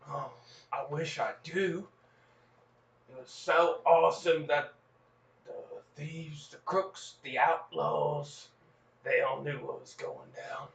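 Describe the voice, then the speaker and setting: A man's voice: on the high side, gravelly, a bit bright, heavily acted. A man doing a folksy Old West farm boy. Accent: exaggerated Old West drawl. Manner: folksy rambling yarn with gasps and exclamations. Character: young frontier farm boy telling a tall tale. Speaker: podcast host. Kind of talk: comedic improvised storytelling. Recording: echoey, lo-fi, distant mic.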